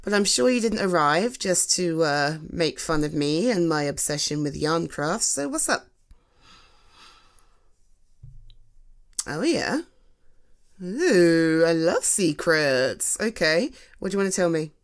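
Playing a supportive British friend in an intimate ASMR roleplay, a woman talks in a slightly low voice at a very slow pace. Her conversational, halting delivery is expressive and reassuring, with a gentle, teasing touch and a playful, curious mood.

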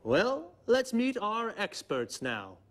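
An actor playing a friendly TV presenter in a scripted beginner English lesson, speaking slowly and clearly. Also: male voice, high-pitched, heavily acted. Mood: cheerful. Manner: slow, clear, lively intonation. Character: friendly male TV presenter Eric. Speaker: TV presenter in a language course. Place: TV studio.

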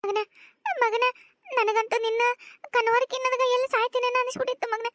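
Lady doing a shrill high old mom from north karnataka, quick talker, dry close mic. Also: little pitch movement, a bit bright, no echo. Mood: tearful joy. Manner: pleading, emotional. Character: doting older village mother, tearful and tender. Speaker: voice actor. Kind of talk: cartoon voice acting.

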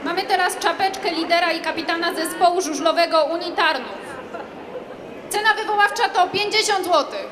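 A woman's voice: extremely high pitch, normal speed. A young woman co-hosting an auction, announcing items and bids on stage. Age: young adult. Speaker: auction co-host. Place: large indoor sports hall, on stage. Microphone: handheld microphone through PA. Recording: noisy echoey hall PA with crowd.

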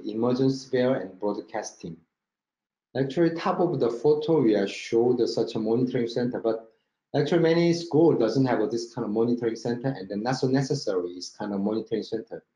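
Speaking at medium pitch with lively intonation, a mellow Korean-accented marketing director presents his company's product over slides. His English is halting and non-native, often punctuated by check-in words. It's an online webinar with screen share from an indoor room, and the audio is roomy and dull.

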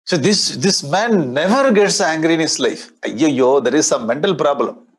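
An older man in his sixties with a South Indian accent teaches scripture in a conversational lecture style. His voice sits a little high and has a husky grain. He often repeats key phrases as he explains. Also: expressive, normal speed. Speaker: spiritual teacher. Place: indoor studio in front of a display board. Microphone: lapel mic.

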